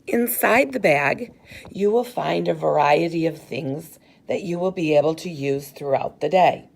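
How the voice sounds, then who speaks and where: A middle-aged woman teacher giving a slow, careful briefing to parent volunteers, pausing often as she explains. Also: sits low, vocal fry. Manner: slow, careful and instructive, with frequent pauses.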